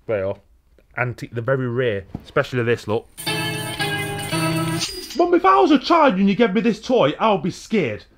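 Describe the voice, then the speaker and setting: A man's voice: a little high, huge pitch swings, moderate pace, pauses often, music in the background. A middle-aged British man chatting casually and teasingly for a family vlog. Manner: playful, teasing. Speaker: vlogging father. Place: small furnished rooms of a house, later inside a car. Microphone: handheld camera at arm's length. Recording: faint background noise, handheld camera.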